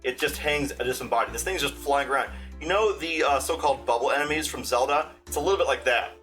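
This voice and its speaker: A man running a tabletop game as game master for a live chat, narrating casually and haltingly as he improvises aloud. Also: medium pitch, fairly bright tone. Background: music.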